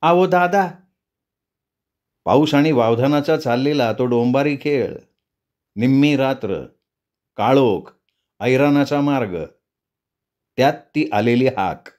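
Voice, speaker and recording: A man narrating a spooky story in a dramatic, deliberate storytelling manner. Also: mid-range voice, a little mellow.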